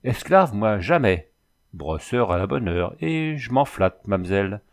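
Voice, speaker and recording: A man's voice: lowish voice, big pitch swings, a little slow. A man voicing a boisterous, flirtatious former cavalry soldier who talks in boastful, rattling exclamations. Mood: excited.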